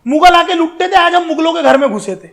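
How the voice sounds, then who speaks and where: Very high-pitched man telling history. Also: quick pace. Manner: animated, addresses listeners directly with slangy asides. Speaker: history educator. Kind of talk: colloquial storytelling history lecture.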